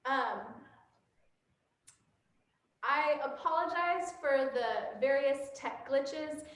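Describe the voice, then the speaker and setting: A high-voiced woman speaks through a heavy cathedral echo that fills the church sanctuary. She gives announcements in a halting way, with many ums, as she leads a service streamed to people at home. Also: lively intonation, fairly bright tone. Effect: cathedral echo from a large church hall. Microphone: room microphone for a livestream. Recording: heavy echoey church room.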